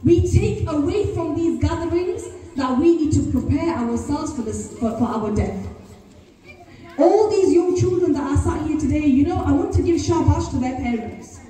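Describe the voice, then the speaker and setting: Woman teacher, high mellow voice, earnest religious talk that quizzes the crowd, heard from a distance. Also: expressive, normal speed. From Bradford, England. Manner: earnest, keeps questioning the audience. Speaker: Islamic teacher. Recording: echoey hall, voice from afar.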